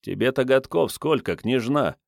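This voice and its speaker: A man's voice: mid-range voice, animated, normal speed, vocal fry, dry recording, studio quality, voice pushed up. A man voicing a curt, scornful comrade. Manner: curt, disdainful. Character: blunt impatient young Soviet man. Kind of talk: audiobook reading.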